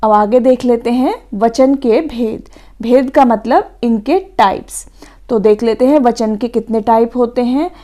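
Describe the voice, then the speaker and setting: Woman, teacher, worksheet explanation, patient step-by-step manner, warm tone, slightly high pitch. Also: a little slow.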